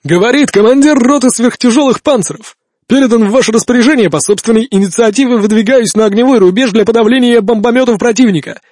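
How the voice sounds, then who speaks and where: A cheerful tank commander, as a male narrator puts him on, barks his reports over a crackling field radio. His voice is raised high, crisp and announcer-like, and sounds set back from the microphone. The delivery is brisk and upbeat. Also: no room sound, studio quality. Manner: bright, almost announcer-like. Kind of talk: audiobook reading.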